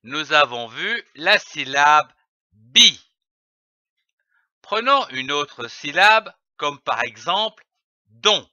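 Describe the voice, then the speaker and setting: Slow, bright-voiced man teaching reading. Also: fairly high pitch, big pitch swings, no echo, highs cut off. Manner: spells out letters and syllables slowly and deliberately. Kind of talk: slow scripted reading lesson for young children.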